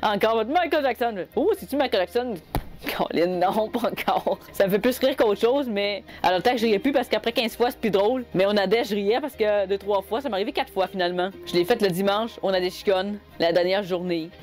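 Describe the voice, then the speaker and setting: A woman's voice: mid-range voice, a little mellow, faint music behind. A young woman with a Québécois French accent, telling cosplay stories to camera in a chatty, exasperated way. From Quebec. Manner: chatty, exasperated, quick asides. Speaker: cosplay vlogger. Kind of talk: casual storytelling to camera.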